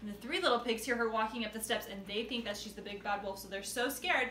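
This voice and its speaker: Her voice is a little high, bright and forceful as this young woman, a children's book seller, presents her books in a relaxed, chatty way. She reads some lines aloud playfully, and the room gives the sound an echo.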